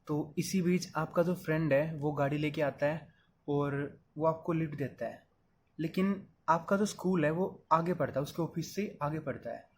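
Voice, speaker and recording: Speaking at a moderate pace in a voice that's a little high, a man teaches English phrases through a friendly, step-by-step Hindi lesson. A little hiss or hum can be heard. He's talkative and keeps calling the viewer "brother."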